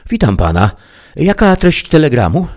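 A man doing a shrill, timid clerk woman. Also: very animated, moderate pace, darkish tone. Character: frightened female telegraph clerk.

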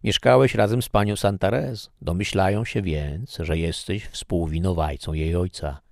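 A man's voice: sits low, fairly even intonation, moderate pace, creaky, no room sound, studio quality. A man voicing a doomed nobleman in prison in a storybook reading, speaking earnestly and urgently.

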